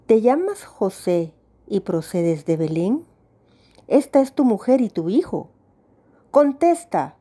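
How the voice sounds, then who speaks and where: A woman's voice: medium pitch, sing-song, slow pace, mellow, husky, exaggerated voice. A woman doing a cruel, mocking soldier chief. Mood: taunting. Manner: harsh, taunting. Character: cruel, mocking adult male Roman officer.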